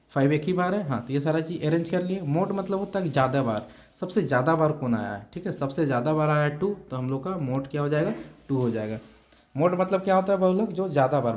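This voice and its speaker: A man's voice: a little high, a little mellow. A man teaching a school math lesson, working through exam questions step by step and checking in with his students as he goes. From India. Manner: explains step by step with repeated check-ins.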